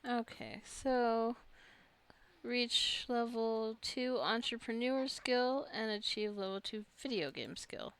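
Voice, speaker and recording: A woman with a somewhat high, clean-toned voice speaks slowly as she narrates her own gameplay. Her commentary is casual and rambling, like she's thinking out loud while playing.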